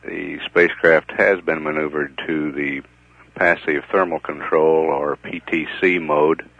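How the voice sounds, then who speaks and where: Deep man on a tinny radio channel. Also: steady tone, dry recording. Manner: measured, halting with frequent "uh" pauses. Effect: narrowband radio transmission sound, like a communicator. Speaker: mission control commentator. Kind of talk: live mission status commentary. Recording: tinny phone-like archival radio feed.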